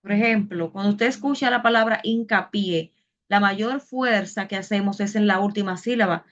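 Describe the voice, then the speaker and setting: A woman's voice: medium pitch, a little fast, a bit bright. Patient woman teacher on a dull call. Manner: patient, explains step by step with questions. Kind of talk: online Spanish class.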